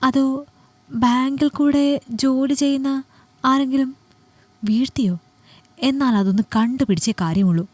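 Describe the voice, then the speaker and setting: A woman's voice: high-pitched, unhurried, pauses often, a little mellow, no echo, voice pushed up. A woman voicing a hurt young housewife who pleads with her husband and broods over his coldness in an audiobook story. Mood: brooding.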